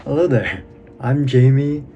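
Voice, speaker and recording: A man's voice: mid-range voice, unhurried, noisy background. Hesitant young man, dull sound. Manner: hesitant, filler-heavy. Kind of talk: casual self-introduction.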